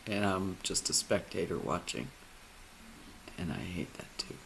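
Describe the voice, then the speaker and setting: A man speaking a personal monologue, halting and emotional, often dropping to a near whisper. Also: deep voice, lively intonation, gravelly, a bit bright, a little hiss or hum. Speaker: vlogger.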